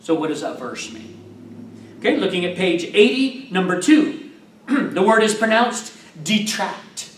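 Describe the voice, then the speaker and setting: A man teaching a recorded vocabulary lesson, slowly pronouncing each word before reading example sentences aloud. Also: sits high, very animated, far from the mic. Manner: slow, careful pronunciation of each word, then reads example sentences aloud. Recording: roomy echo, voice a bit off-mic.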